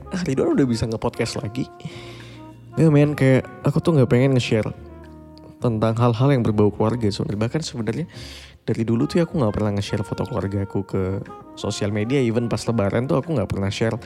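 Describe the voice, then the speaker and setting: A man's voice: medium pitch, fairly quick, darkish tone. Young man, bedtime podcast host, confiding and reflective, long reverb, faint music behind. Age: 20s. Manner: reflective, confiding, mixes in English phrases. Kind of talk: casual bedtime podcast monologue.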